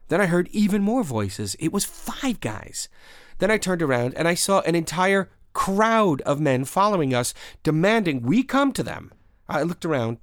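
A man hosting a radio show, telling a first-person story in a measured, expressive way and raising his voice at the tense moments. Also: fairly high pitch, no room sound, studio quality.

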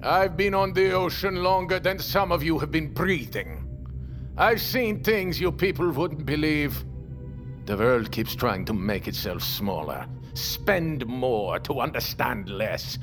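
In this audio drama, an actor voices a grizzled older seafarer, his male voice pitched on the high side and animated. He tells the story slowly and theatrically, brooding, then swells into fervent, scolding warnings about monsters. Dramatic music plays behind him.

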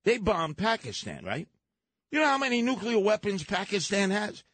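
A man's voice: sits high, big pitch swings, normal speed, fairly bright tone, no room sound. A man co-hosting a political talk show, brash and colorful, throwing in jokes as he argues.

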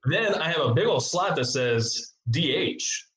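A man hosting a casual sports podcast, relaxed and chatty, laughing often and wandering into asides. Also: fairly high pitch, a little slow, roomy sound, poor audio. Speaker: podcast host.

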